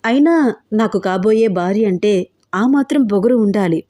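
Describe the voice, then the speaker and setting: A woman voicing a possessive, menacing male gangster who talks in a smooth, wheedling way. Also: medium pitch, lively intonation, moderate pace, warm tone, close to an everyday voice. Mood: obsessive. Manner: smooth, wheedling then threatening.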